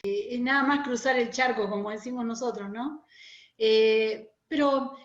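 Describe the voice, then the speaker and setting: Her voice a little high and her pace measured, a Uruguayan woman from Montevideo chats as the guest in a casual interview. An oral storyteller with a Rioplatense accent, she speaks explanatorily over an internet call that sounds muffled and roomy.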